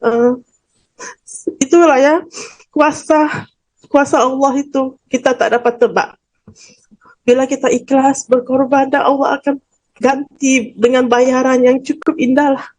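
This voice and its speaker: A woman speaking on a forum panel, her voice sitting a little high for a woman. She tells her own story candidly and from the heart, emotional and near tears at times. She often pauses with fillers as she gathers her thoughts. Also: steady tone, darkish tone, poor audio. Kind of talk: personal testimony at a religious forum.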